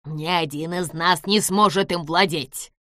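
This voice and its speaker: A woman's voice: fairly low pitch, unhurried, no echo, studio quality. A woman voicing a spiteful little old man. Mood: gloating. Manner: shouting, gloating, cackling.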